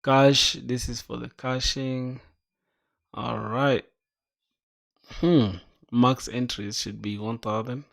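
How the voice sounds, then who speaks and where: A young man livestreams his coding session, chatting loosely with viewers in slang and calling them "bro." His medium-pitched voice is creaky and slow, with frequent pauses as he mumbles through docs, thinks aloud, and breaks into excited reactions.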